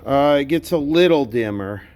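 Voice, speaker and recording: Expressive and at a normal speed, this medium-pitched man's voice has a darkish tone. As host of an electronics repair video, he talks bluntly off the cuff during the repair, voicing his thoughts in broken fragments.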